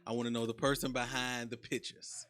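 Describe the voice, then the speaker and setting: A man's voice: little pitch movement, brisk. Laid-back man in his thirties hosting a podcast. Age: 30s. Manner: laid-back, slangy, trails off softly into low mumbles. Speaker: podcast host. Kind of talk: casual interview chat.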